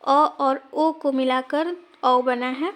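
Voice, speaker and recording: Slow, high-pitched woman teaching grammar. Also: fairly even intonation, fairly bright tone. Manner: slow, deliberate explaining, pointing to written examples. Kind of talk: exam-prep grammar lesson.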